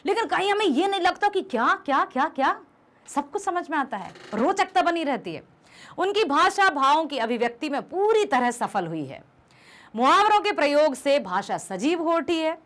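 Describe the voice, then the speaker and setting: Young woman teacher, high voice that bounces all over, chatty lesson explaining to students. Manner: lively, animated explaining with rhetorical questions to students; addresses students affectionately as "beta". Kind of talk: Hindi class revision lesson.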